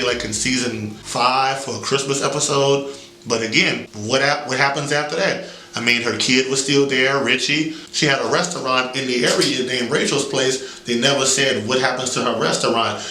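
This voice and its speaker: Bright-voiced man in an echoey room. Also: medium pitch. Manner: conversational, loose and hedging. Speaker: vlog host. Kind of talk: casual commentary. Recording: roomy echo.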